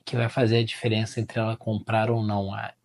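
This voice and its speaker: A man with a Brazilian accent explaining marketing in a casual talk to camera, chatty and often ending phrases with quick tag questions. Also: lowish voice, flat delivery, darkish tone. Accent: Brazilian Portuguese. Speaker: marketing educator.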